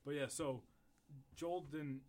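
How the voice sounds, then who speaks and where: A man in a band, calmly recounting the band's history in a relaxed interview. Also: on the high side, slow pace. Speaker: band member.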